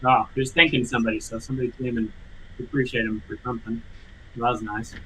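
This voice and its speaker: A man's voice: mid-range voice, little pitch movement, quick pace, pushed and bright, slight background noise, rough recording. A man giving casual, think-aloud live commentary as a host going through video clips. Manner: thinking aloud, informal narration. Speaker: video host reviewing footage.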